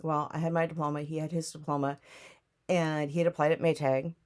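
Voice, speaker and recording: Brief: low-pitched woman, rambling memoir storyteller who keeps circling back to her point. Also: flat delivery, brisk, darkish tone. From Newton, Iowa, USA. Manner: rambling, reflective, often drifting back with "anyway". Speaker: storyteller recounting her life. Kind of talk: casual personal memoir storytelling.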